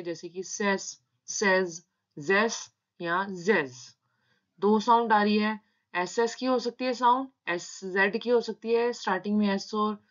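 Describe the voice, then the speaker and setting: Slow, patient woman teaching shorthand. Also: medium pitch. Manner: slow, patient, spelling out sounds. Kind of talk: step-by-step tutorial explanation. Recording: dull lo-fi sound.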